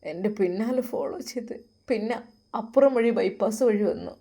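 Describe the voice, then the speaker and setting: An earnest, resentful young man telling his mother what happened, as a woman storyteller voices him. The tone stays mellow, in a Malappuram Malayalam accent. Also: mid-range voice, moderate pace, lightly acted. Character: hurt determined young man.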